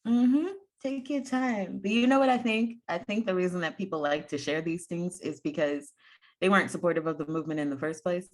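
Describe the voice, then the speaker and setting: A woman co-hosting a casual, opinionated chat in an animated way. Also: on the low side, a little fast. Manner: animated, acts out imagined quotes, laughs easily. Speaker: podcast co-host.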